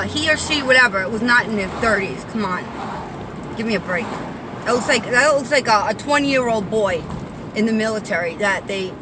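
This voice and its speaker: A woman with a fairly high voice talks into a handheld phone over clear background noise. She has a lisp with whistling S sounds. Her delivery is a casual, halting vlog ramble, pressed on the listener with insistence. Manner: insistent, halting, conspiratorial telling. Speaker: video maker addressing viewers.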